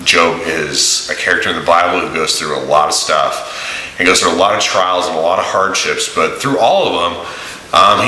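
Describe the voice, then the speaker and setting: A man giving a casual, rambling video diary in a halting, informal way, recorded in a big echoey room. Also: low voice, sharp tone. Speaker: vlogger and volunteer preacher on a mission trip. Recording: echoey room, big echo, audible hiss.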